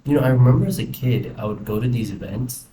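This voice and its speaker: The voice is mid-range and quick: a young man with an American accent, a vlogger, talking casually and reflectively in a rambling personal video diary. It's recorded indoors in a house, with a roomy echo and faint background noise.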